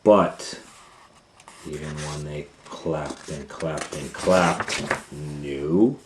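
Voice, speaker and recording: With a bass voice, a man hosts a reading of a children's storybook, performing it dramatically and like a teacher, stopping to comment and pose questions. The room is echoey with faint noise.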